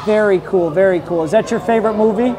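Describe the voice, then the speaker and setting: A woman's voice: medium pitch, fast talker, pitched below the performer's own voice, close to an everyday voice. A woman in character as a friendly vampire count, chatting casually with trick-or-treaters as a local TV host at an outdoor Halloween event. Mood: cheery. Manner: playful, upbeat, chatty with kids. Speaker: local TV host handing out candy. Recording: outdoor event with crowd noise.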